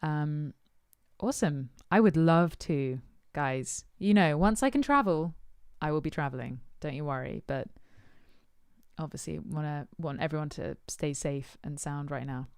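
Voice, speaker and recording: Low-voiced woman, very smooth and resonant. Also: animated, a little slow, dry recording, clean studio sound. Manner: thoughtful, hesitant, with many ums and uhs. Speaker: musician answering supporters' questions. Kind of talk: casual Q&A chat.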